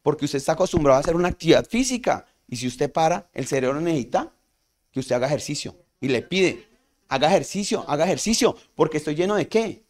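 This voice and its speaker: A man's voice: a little high, expressive, fast, a little mellow. A man teaching a community first aid class. He asks the audience questions and answers them himself. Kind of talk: community training talk.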